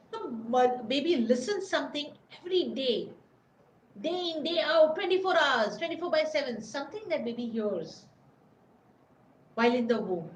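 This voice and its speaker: A high-voiced woman delivers a loose, informal webinar talk, often saying things twice and hunting for the right word. There's slight background noise, and the recording sounds roomy with faint ambience.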